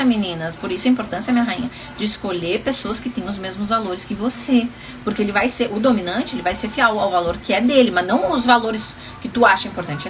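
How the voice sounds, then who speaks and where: A woman's voice: medium pitch, a little hiss or hum. A woman relationship coach giving casual advice on a livestream, chatty and often laughing, calling viewers endearing names.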